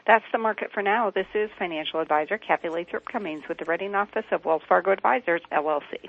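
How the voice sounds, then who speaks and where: An American woman financial advisor briskly reading scripted market news figures over a phone line. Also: fairly low pitch, creaky, breathy edge. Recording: tinny, narrow phone line.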